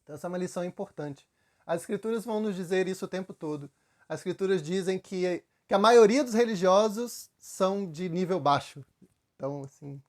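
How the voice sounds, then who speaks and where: A man with a Brazilian Portuguese accent giving a relaxed, conversational spiritual talk, telling stories with frequent fillers. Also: high voice. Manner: relaxed storytelling with frequent fillers, acts out quotes. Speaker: spiritual teacher.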